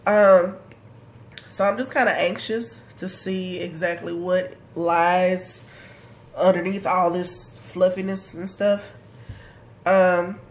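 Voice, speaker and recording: A woman in her thirties gives a casual video diary update while congested from a head cold, chatting and rambling with lots of ums and likes. Her voice sits on the low side, with slight background noise.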